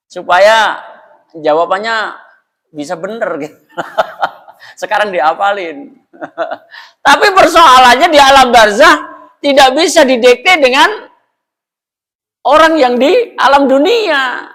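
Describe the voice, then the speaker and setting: A man's voice: sits high, bright, forceful tone, in a large hall. A man preaching in a prayer room, talking conversationally, asking the congregation questions and laughing often. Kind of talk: mosque sermon.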